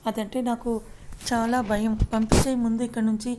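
A woman's voice: on the high side, little pitch movement, a little fast, background noise, lightly acted. Woman reading as a sulky young wife. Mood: sulky complaint. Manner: pouting, complaining.

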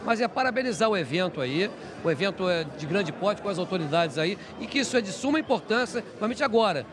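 High-pitched Brazilian man in his sixties. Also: expressive, fast. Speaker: interview guest. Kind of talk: informal interview answers. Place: indoor reception event at a hangar. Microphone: handheld interview microphone. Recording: busy event crowd chatter behind.

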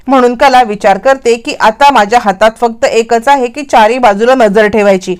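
A woman retelling a TV serial episode as a flowing, animated story, mixing in English words. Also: on the high side, normal speed, clear, resonant tone. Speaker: serial recap narrator. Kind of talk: dramatic storytelling recap of a TV serial.

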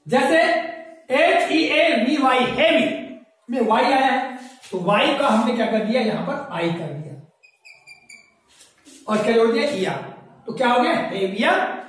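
A woman teaches a class, her voice pitched high and heard from some distance. She spells each word out letter by letter and keeps checking that her pupils understand. The room is very echoey. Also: expressive, moderate pace, long pauses. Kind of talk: classroom lesson. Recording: echoey room, mic far off.

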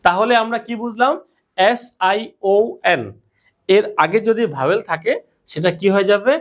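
A woman's voice: mid-range voice, moderate pace. A woman teacher giving a classroom pronunciation lesson, quizzing her students with repeated questions. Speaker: English teacher.

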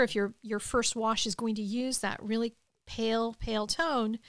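A woman's voice: a little high, no room sound, studio quality. Woman talking through a watercolor lesson. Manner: calm, explanatory, step-by-step. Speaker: art instructor. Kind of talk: voice-over painting tutorial.

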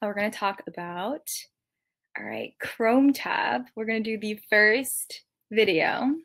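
This TikTok creator and actor in her 20s has an animated, gravelly, mid-range voice with a fairly bright tone and a measured pace. Livestreaming by webcam from a small bedroom indoors, she's bubbly and giggly, pokes fun at herself, and fills her speech with "like."

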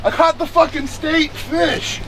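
Very high-pitched, exclamatory man outdoors. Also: little pitch movement, unhurried. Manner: crude, exclamatory. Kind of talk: casual fishing vlog. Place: outdoors on a rocky shore by the water. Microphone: camera a few metres away. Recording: loud outdoor background noise, distant camera.

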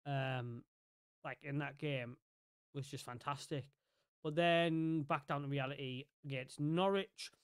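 A man's voice: on the high side, clear, resonant tone, no room sound, clean studio sound. Rambling man narrating his gameplay. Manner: rambling, self-correcting. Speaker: gaming YouTuber. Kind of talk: casual game commentary.

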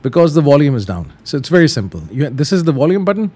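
He's a flight simulator tutorial host whose voice sits on the high side, slightly mellow and very animated, and he talks fast. His explanations are relaxed and step by step, with simple instructions repeated.

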